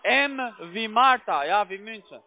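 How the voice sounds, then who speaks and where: A man with a high voice and lively intonation speaks a little slowly in non-native, foreign-accented German over a tinny narrowband phone line. Working as a call center IT agent, he gives instructions step by step, repeating himself and using tag questions to make sure he's followed.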